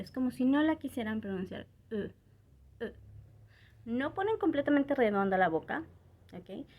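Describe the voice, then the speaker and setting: Woman teaching french sounds, kinda high voice, patient, always asking ok?. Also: a little mellow. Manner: patient, checks in with frequent "ok?". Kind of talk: explanatory video lesson.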